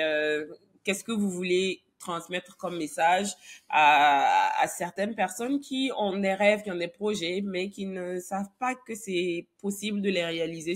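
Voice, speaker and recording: A woman hosting an interview, asking long winding questions with fillers. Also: on the low side. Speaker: interview host.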